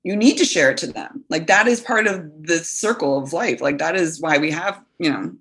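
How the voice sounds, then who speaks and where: A woman's voice: deep voice, expressive, moderate pace, fairly bright tone. A woman hosting a podcast, chatting casually and emphatically, acting out little everyday scenes. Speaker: podcast host. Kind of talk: casual chat.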